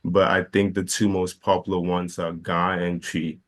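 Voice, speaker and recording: A young man from Ghana with a very low, deep voice, answering interview questions about his work. He hesitates often and restarts his sentences as he talks, filling the pauses with small fillers. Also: little pitch movement, a bit bright. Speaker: filmmaker guest. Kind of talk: casual interview.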